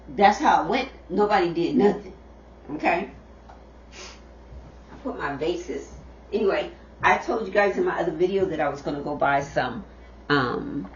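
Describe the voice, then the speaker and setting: A middle-aged mother talking casually to her viewers on camera, slow and repetitive, calling them y'all. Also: mid-range voice, slight background noise. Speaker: vlogger, mother. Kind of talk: casual direct-to-camera talk. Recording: dull, roomy, distant camera audio.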